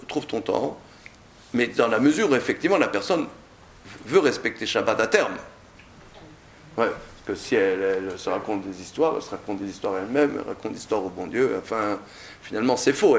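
A man teaching a lively Talmud class to a group, explaining with animated, theatrical examples. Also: medium pitch. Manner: animated, acts out examples with mock anger. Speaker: Torah teacher. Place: study room with a group. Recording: roomy echo.

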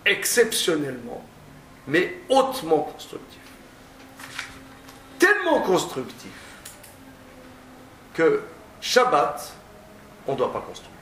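A male teacher giving a classroom lecture, often stammering and restarting, stressing points with drawn-out phrasing. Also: fairly high pitch, wildly swooping pitch, a bit bright. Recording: echoey room, distant mic, faint noise.

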